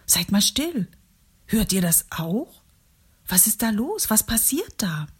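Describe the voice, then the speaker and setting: A woman voicing the apostle Peter, an eager, bold man, in a gentle storybook reading voice. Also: mid-range voice, very animated, slow pace, breathy edge, exaggerated voice. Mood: alert.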